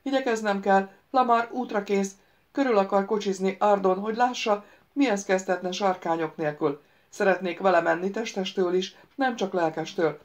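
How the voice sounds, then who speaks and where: A woman's voice: medium pitch, close to an everyday voice. A woman voicing a petulant, scheming male ghost wizard who keeps pleading and bargaining, on a dull lo-fi audiobook recording.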